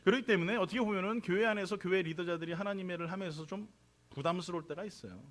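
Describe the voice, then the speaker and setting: Korean pastor preaching a relaxed sermon. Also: male voice, high voice, racing. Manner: conversational, jokey, draws responses from congregation. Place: church sanctuary.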